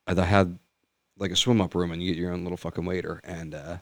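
A young man in his twenties with a notably deep voice, chatting loosely on a podcast. He jokes around and laughs at his own lines, and his voice sounds close and dry, with no room around it. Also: level tone, fast talker, no room sound. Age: 20s. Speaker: podcast co-host. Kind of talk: casual chat.

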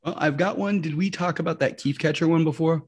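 A man's voice: a little high, brisk, darkish tone, husky. A man co-hosting a podcast, chatting casually and cursing freely. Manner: easygoing, profane, a bit rambling. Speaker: podcast co-host. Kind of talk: casual chat.

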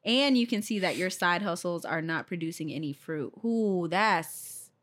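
A young woman co-hosting a podcast, playful and quick to laugh, reading out listener questions. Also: fairly low pitch. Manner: playful, laughs often, animated. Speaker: podcast co-host.

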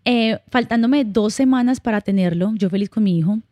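A woman's voice: mid-range voice, fairly quick, dark tone, no room sound. A young woman guest on a podcast, telling personal stories in a candid, heartfelt way and acting out bits of quoted dialogue. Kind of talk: casual conversational interview.

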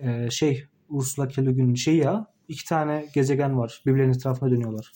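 A young man co-hosting a casual podcast chat with friends, talking in a quick, argumentative way. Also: medium pitch, steady tone, warm tone. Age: young adult. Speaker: podcast co-host, law student.

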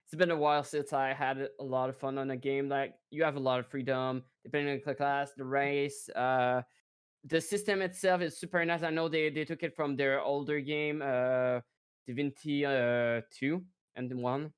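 A man's voice: medium pitch, flat delivery, moderate pace, smooth. A man co-hosting a casual podcast chat, laughing often and searching for his words as he talks. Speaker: podcast co-host.

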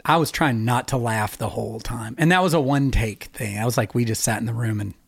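Male podcast co-host, casual, rambling, quick to laugh, mid-pitched, dry recording. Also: vocal fry, slightly rough, dry recording. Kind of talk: casual chat.

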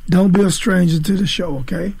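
A man hosting a live call-in show, encouraging and affirming, with a husky, gravelly voice. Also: high voice, brisk, darkish tone, no echo. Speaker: talk show host.

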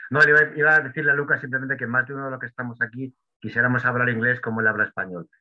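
A man moderates casually and politely at a quick pace, doubling up short phrases. His voice comes through narrow and phone-like. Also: medium pitch, fairly even intonation. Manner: courteous, repeats short phrases. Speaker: discussion moderator. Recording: tinny phone-like line.

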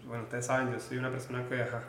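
A young man with a Venezuelan accent hosts a loose podcast chat. He talks quickly and rambles through slang and fillers at a middling pitch. The room around him gives his voice a roomy echo. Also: flat delivery, a bit bright, a little hiss or hum. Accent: Venezuelan Spanish. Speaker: podcast host. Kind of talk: casual chat.

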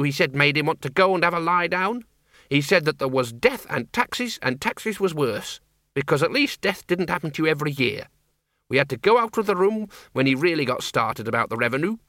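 A man voicing a sharp-tongued, thrifty old farm woman who talks bluntly and emphatically. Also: a little high, dry recording, clean studio sound, pitched above the performer's own voice. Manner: tart, emphatic, rustic.

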